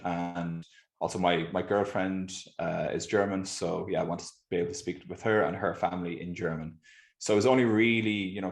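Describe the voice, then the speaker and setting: A man with a west of Ireland accent chatting casually and informally as an interview guest. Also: low-pitched. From Galway, west of Ireland. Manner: informal, hedging with 'kind of'. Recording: roomy, echoey sound.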